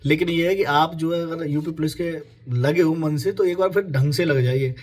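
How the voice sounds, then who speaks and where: A man's voice: fairly high pitch, fairly even intonation, moderate pace, a little mellow, a little hiss or hum. Casual young man giving exam advice. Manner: informal, repetitive fillers, addresses listeners as companions. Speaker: exam prep advisor.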